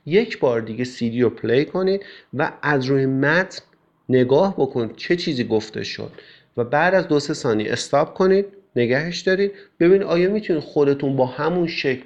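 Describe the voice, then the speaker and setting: A male English teacher explains step by step how to study with a textbook, often using filler sounds. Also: mid-range voice. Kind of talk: classroom explanation. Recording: slightly dull, lo-fi recording.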